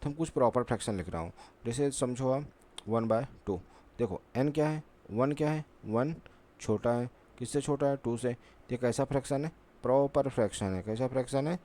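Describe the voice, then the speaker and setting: With a warm, mid-range voice at a normal speed, a man works through a maths lesson on a board. He's patient and repetitive, putting questions to himself and supplying the answers, often saying "ठीक है" and asking rhetorically.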